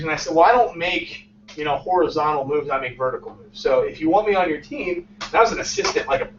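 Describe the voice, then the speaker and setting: A startup founder in his late twenties, with a voice that runs high for a man, tells his story casually to a small crowded audience indoors. He plays out each conversation with lots of energy and frequent laughter. The sound comes from a faraway camera with no visible mic, giving it a roomy, somewhat dull quality and a faint background hum.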